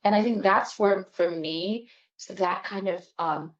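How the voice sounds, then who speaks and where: A woman's voice: medium pitch, a little slow. A woman hosting a casual wine-tasting chat as a sommelier, explaining in a chatty teacher's way. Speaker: sommelier host. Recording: dull lo-fi recording.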